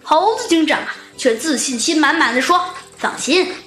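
Woman storyteller, children's story, very high voice, bright, lively, echoey room, soft music. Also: a little fast. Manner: lively, chatty with filler particles.

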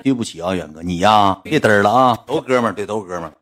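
Husky, fast-talking storyteller. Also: male voice, lowish voice. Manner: lively, rambling, exasperated. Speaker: livestreamer. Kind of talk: casual storytelling on a livestream.

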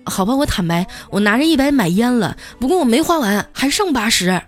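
A woman's voice: on the high side, very animated, brisk, voice pushed up. A woman voicing a timid, henpecked young man who whines and stammers. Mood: sheepish. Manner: whiny and sheepish.

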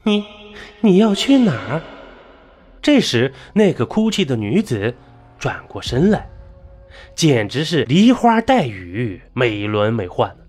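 A man narrating a ghost story in an animated, exclamatory storytelling manner. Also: medium pitch.

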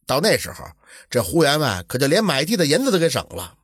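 A man tells an old folk tale in a lively, chatty storyteller's manner, his pitch moving freely. His voice is very husky and breathy. The recording is close and dry. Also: quick pace, dry recording.

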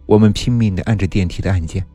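A man's voice: sits low, quick pace, dark tone. A man narrating a horror story in a dramatic, suspenseful way. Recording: dry close mic with faint music.

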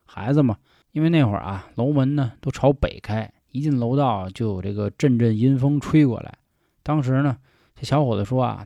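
A man's voice: on the low side, creaky, mellow, no room sound, studio quality. Chatty male storyteller. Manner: chatty, folksy asides to listeners. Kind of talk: casual ghost-story narration.

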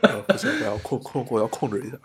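A man's voice: mid-range voice, very animated, very fast. A man with a Beijing accent co-hosting a radio show, chatting casually and reading out listener messages, colloquial and correcting himself as he goes.

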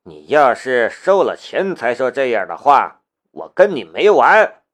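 A man's voice: medium pitch, big pitch swings, measured pace, a bit bright. A man voicing a swaggering young martial-arts clan member who provokes his rivals. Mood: provoking.

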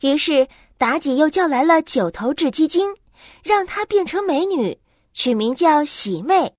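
A woman narrating a classic tale as a storyteller, in a lively, dramatic way. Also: high voice, dry recording, studio quality.

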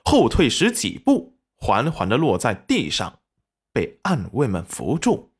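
A man narrating a web novel audiobook in an expressive storytelling manner. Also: fairly low pitch.

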